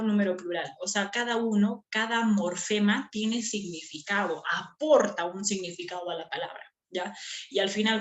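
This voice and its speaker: A woman teacher explaining a lesson patiently, repeating key terms and checking that students follow. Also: medium pitch. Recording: echoey room.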